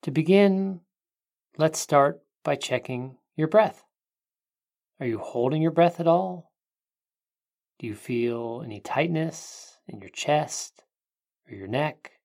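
A meditation narrator speaking like a sleep story narrator, giving gentle, hushed guidance with long pauses and a creaky voice. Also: mid-range voice, animated.

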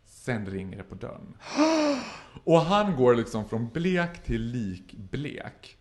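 A man in relaxed conversation who keeps his pitch moving all the time, so his delivery sounds expressive and animated. He tells stories with plenty of acted-out quotes and bursts of laughter. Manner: acts out other people's lines in voices, laughs often. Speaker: podcast guest telling stories. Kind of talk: animated anecdote in casual chat.

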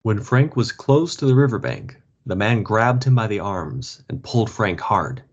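A man reading a story aloud for learners, slow and expressive. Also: lowish voice, husky. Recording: dull lo-fi podcast audio.

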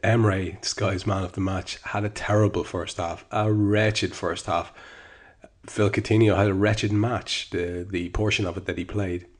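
A man's voice: low voice, level tone, unhurried. A man hosting a podcast, reading his own column aloud and then talking it over in a wry, wordy, candid way. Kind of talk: column reading and casual commentary.

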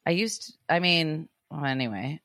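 A woman co-host with a low voice talks in casual, blunt chat and tosses out quick joking asides. The sound is close and dry, with no room around it. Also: a bit bright, no room sound. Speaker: podcast co-host.

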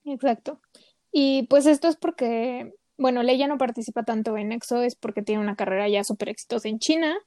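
A woman's voice: on the high side, brisk, warm tone, no room sound. A woman co-hosting a casual podcast chat, talking with lots of fillers. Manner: chatty, many fillers. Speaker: podcast co-host.

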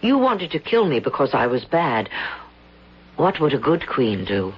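A woman's voice: very deep voice, very animated, unhurried, slightly rough, full character voice. An actress playing a shrewd queen who claims divine guidance, speaking in a grand, declamatory, commanding manner in an old drama. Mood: exasperated, probing. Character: shrewd woman posing as a divinely guided queen. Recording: noisy, muffled old broadcast soundtrack.

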